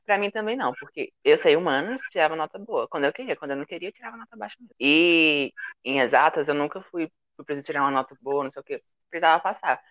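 A man's voice: on the high side, quick pace, hardly any pauses, a bit bright, no echo. A young man, a university student, chatting casually and telling self-mocking stories about school. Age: young adult. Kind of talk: casual chat. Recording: dull lo-fi audio.

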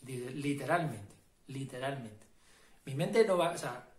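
Here a self-help and meditation guide speaks in a mid-range, slightly mellow voice with lively intonation and a measured pace, his words echoing in the room. His casual motivational talk is emphatic and repetitive, peppered with check-ins like "¿no?" and "¿vale?".

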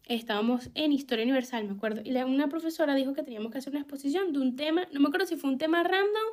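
Young Venezuelan woman, high voice, candid confessional vlogger, emphatic and unfiltered. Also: racing, darkish tone. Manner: frank and emphatic, repeats phrases, swears casually. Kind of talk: candid personal storytelling.

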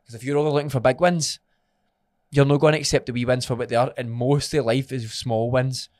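A man's voice: mid-range voice, steady tone, brisk, darkish tone, no echo, clean studio sound. A man with a broad Scottish accent co-hosting a fitness podcast as a trainer, chatting casually, blunt, sweary and encouraging.

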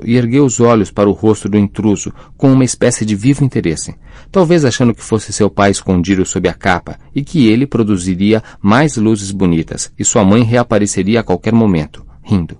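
A man with a low voice reads a fantasy audiobook in a measured, dramatic way. The recording is dry and close, with no room sound. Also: darkish tone, no room sound. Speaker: audiobook narrator.

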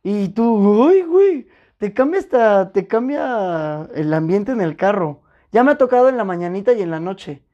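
A young woman with a Mexican accent and a soft, mellow tone. She tells stories in lively, slangy chat and slips into other people's voices to act out their lines. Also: medium pitch, normal speed, highs cut off. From Puebla, Mexico. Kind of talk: casual chat, storytelling.

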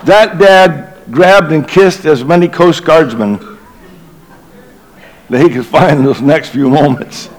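Middle-aged bishop man preaching, tells the story dramatically, goes quiet and low at the tense bits, voice sits a bit high. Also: slow, low-quality recording. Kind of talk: Christmas Eve sermon storytelling.

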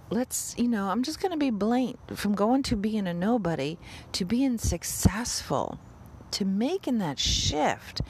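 A woman's voice: medium pitch, slight background noise. A woman hosting a motivational podcast, speaking directly and conversationally to her listeners. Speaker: podcast host.

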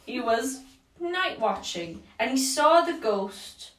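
A woman's voice: sits high, lively intonation, slow. Young woman rambling from her notes, echoey room. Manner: rambling, jokey, swears, reads from notes. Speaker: podcast host. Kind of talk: casual podcast chat. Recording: echoey room, mic at a distance.

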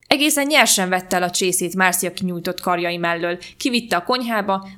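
A woman podcast host reading a short story aloud in a calm, even storytelling manner. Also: fairly low pitch. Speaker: podcast reader.

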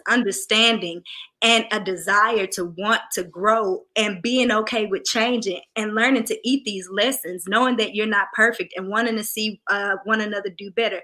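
A woman with a Southern US accent chatting casually in a goofy, loud, down-home country way. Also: medium pitch. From Southern United States. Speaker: musician guest. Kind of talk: casual chat.

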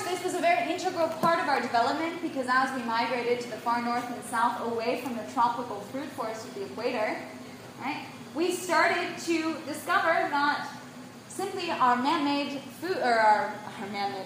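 A woman with a high, bright-pitched voice lectures on nutrition to a live audience. She speaks emphatically and keeps checking in with her listeners. The sound bounces heavily around a reverberant room, with a faint hiss underneath. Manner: emphatic and animated. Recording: very echoey room.

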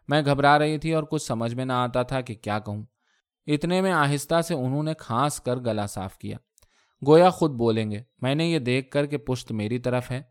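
A man reads a first-person story aloud, measured and expressive. His voice sits at an ordinary middle pitch for a man. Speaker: story reader.

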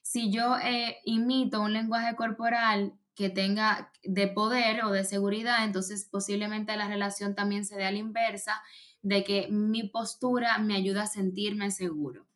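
A woman's voice: medium pitch, fairly even intonation, a little slow, fairly bright tone. Woman giving public speaking advice. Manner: explanatory, with frequent fillers and restarts. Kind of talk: casual advice chat.

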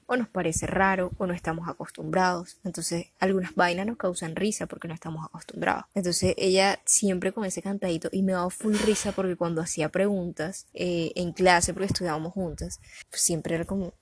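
A young woman with a Colombian Caribbean coastal accent, chatting in an animated, talkative way. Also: on the low side, a little fast, husky, no echo. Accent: Colombian Caribbean (costeño). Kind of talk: casual chat.

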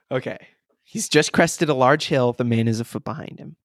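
A man's voice: medium pitch, unhurried, no echo, studio quality. A man co-hosting a podcast, reading a friend's story aloud and teasing him between passages. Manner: teasing, joking. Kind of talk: casual reading with banter.

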